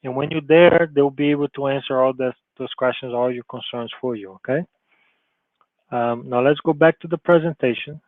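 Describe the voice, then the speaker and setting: Speaking at a normal speed in a mid-range voice, a male college advisor walks through a casual screen-share tutorial. He restarts often and keeps asking "okay?", and the recording is dry and tinny, like a phone.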